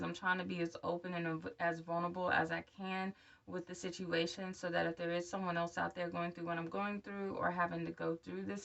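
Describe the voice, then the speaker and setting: A thirty-something vlogger shares a frank, upbeat personal update on her new dentures, addressing viewers directly. She has a lowish, fairly bright voice with vocal fry, and the recording is muffled, with her somewhat far from the mic.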